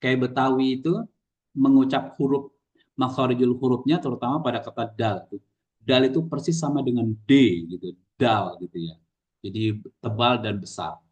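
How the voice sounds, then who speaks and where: A man's voice: mid-range voice, a little mellow, lo-fi sound. A man giving a casual classroom lecture, explaining with many fillers and tag questions, from Indonesia.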